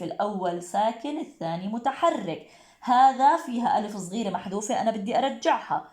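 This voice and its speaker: A woman teacher with a Levantine Arabic accent, explaining poetic meter to exam students. She asks and answers her own questions and chants syllables slowly. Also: a little high, a little mellow, reverberant.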